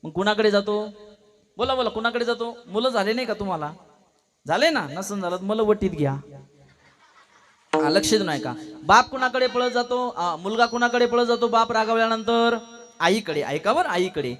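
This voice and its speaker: High-voiced kirtan preacher. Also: male voice, moderate pace, fairly bright tone. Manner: questions the audience constantly, acts out voices in the story. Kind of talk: devotional kirtan sermon. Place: kirtan gathering before a live audience.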